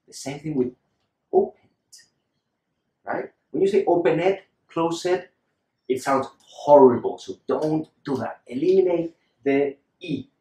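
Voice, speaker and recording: A man's voice: fairly high pitch, dark tone, roomy sound. A man teaching English pronunciation in a patient lesson style, repeating example words for the learner to copy.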